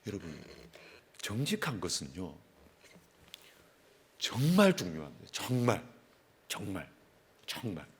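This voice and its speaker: A male pastor delivers a sermon with an animated, widely moving pitch at a middling register. He leans hard on repeated words and drops from forceful lines to near-hushed ones. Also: brisk, in a large hall. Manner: emphatic, repeats words for stress, swings from loud to hushed.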